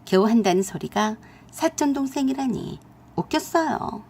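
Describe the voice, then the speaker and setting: A young adult woman narrating a family story in a lively, blunt and confiding way. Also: on the high side, moderate pace, husky.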